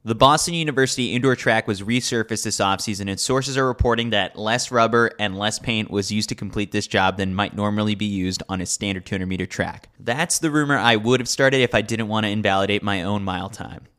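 A podcast host reads a scripted sports newsletter aloud with a wry, tongue-in-cheek delivery. His voice is fairly low and fairly bright, moving briskly with hardly any pauses.

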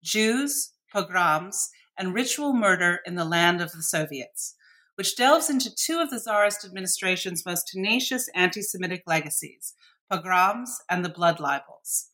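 A woman hosts a podcast interview with a bright, clear voice. She reads her introductions formally and asks long, careful questions. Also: on the low side, expressive, normal speed. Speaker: podcast host.

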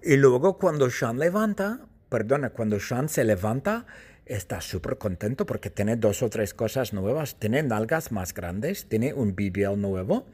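A man telling a silly story slowly and plainly for language learners, in an animated, playful way. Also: slightly rough. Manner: animated and playful, with frequent jumps in pitch.

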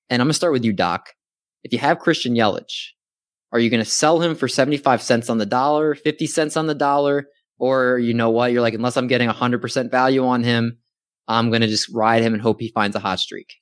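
A man with a mid-pitched voice hosts a fantasy baseball chat, moving the talk along and putting questions to his co-hosts. His manner is relaxed and conversational, and the sound is dry and close. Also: no room sound. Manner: steering, question-posing, conversational. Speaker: podcast host, moderator.

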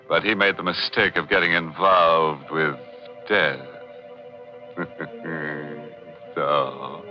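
An actor playing a sardonic, ghoulish radio mystery host who trades gallows puns and sinister chuckles, on a lo-fi 1940s broadcast. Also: male voice, low voice. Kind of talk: 1940s radio drama hosting.

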